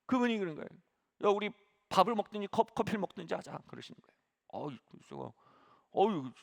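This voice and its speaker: Man, pastor, sermon, slightly high gravelly voice, emphatic rises. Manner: animated storytelling with sudden emphatic rises.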